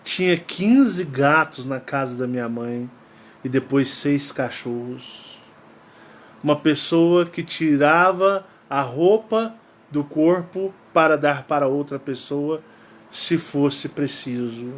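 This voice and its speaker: A man's voice: a little high, slow pace, slight background noise. A man with a Brazilian Portuguese accent, hosting his channel and telling a personal story in casual style, emphatic and prone to repeating key phrases. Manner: acts out quoted dialogue. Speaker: channel host.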